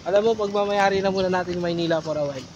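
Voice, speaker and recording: A man's voice: sits high, rapid-fire, darkish tone, muffled recording. A man hosting a casual vlog on a street walk, playful and teasing, often laughing. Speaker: vlogger. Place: outdoors on city streets. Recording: outdoor recording with faint noise.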